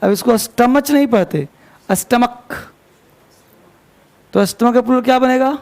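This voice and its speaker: North indian guy teaching english grammar, high gravelly voice, spells stuff out and quizzes the class. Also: fast talker, a little mellow. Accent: Hindi-speaking North Indian. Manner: questions students and answers himself, spells words letter by letter. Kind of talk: classroom grammar lesson in Hindi.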